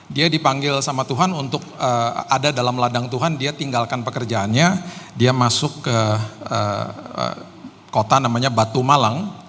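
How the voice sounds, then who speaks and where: Preaching at a live service in a church hall, a middle-aged guest pastor from Jakarta, Indonesia, speaks in a mid-range, somewhat bright voice. His sermon is conversational and story-driven, with casual personal anecdotes and humour at his own expense. Echo from the hall and faint background noise can be heard.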